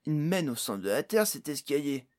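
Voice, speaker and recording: A male narrator voicing an excitable male adventurer in a storybook. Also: on the high side, moderate pace. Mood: shocked. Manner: loud and exclamatory.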